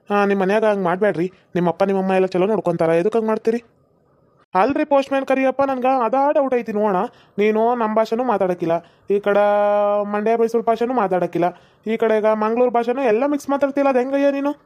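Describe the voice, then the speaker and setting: A woman's voice: a little high, darkish tone, close to an everyday voice. A woman playing a chatty, nosy male village postman in a comedy sketch. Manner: nosy, teasing banter. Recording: slightly dull lo-fi recording.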